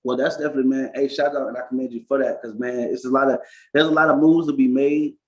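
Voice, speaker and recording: A Florida man hosts a casual podcast interview, rambling through his questions with many restarts and often saying "facts" to agree. His mid-range voice is steady and fast, and the recording has a dull, lo-fi quality.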